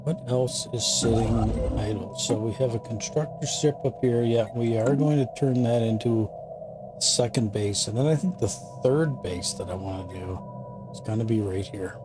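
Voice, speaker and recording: A man in his fifties talks his way through a strategy game in a relaxed, mid-pitched voice. He chats easily, pokes fun at himself, and shifts into slow, careful reading whenever game text comes up. Game music plays clearly underneath him. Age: 50s. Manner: chatty and self-deprecating, slows down to read game text aloud. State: sleepy, yawning. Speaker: gaming channel host. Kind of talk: casual gameplay commentary.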